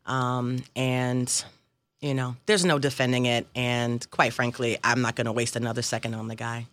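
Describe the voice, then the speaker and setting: A woman's voice: rumbling low, flat delivery, moderate pace, no room sound. A woman in her fifties speaking as a guest in a radio interview, earnest and emphatic, repeating phrases for weight. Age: 50s. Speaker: guest, local politician. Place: radio studio.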